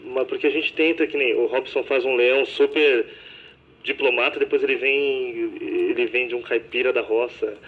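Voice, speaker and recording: A man's voice: medium pitch, fairly even intonation, moderate pace. A man actor explaining plainly how he builds distinct voices for the characters he plays. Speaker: stage actor. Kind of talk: interview guest chat. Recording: dull radio audio.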